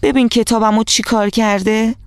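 A woman's voice: a little high, expressive, no echo, clean studio sound, voice pushed up. A woman voicing an insistent, reproachful young schoolgirl who wants her book back. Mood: upset.

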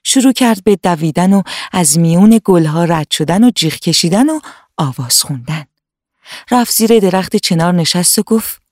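A woman narrating a children's fairy tale in a calm, steady storytelling manner. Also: lowish voice, no echo, clean studio sound. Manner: calm, warmly paced storytelling.

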